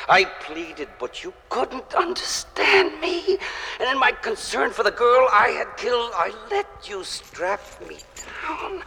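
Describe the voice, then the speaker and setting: A man's voice: low-pitched, fairly bright tone, slight background noise. A man playing a tormented, pleading, vengeful monster in a theatrical horror monologue, with an anguished delivery that moves between whispers and cries. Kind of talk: dramatic monologue, horror audio drama.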